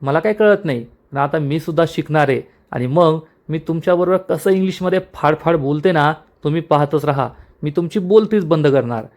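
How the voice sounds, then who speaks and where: A feisty young wife in a TV serial recap, teasing and quick with a comeback. A man speaks her lines in his own slightly high voice. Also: a little mellow, close to an everyday voice. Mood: bantering. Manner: bantering, teasing.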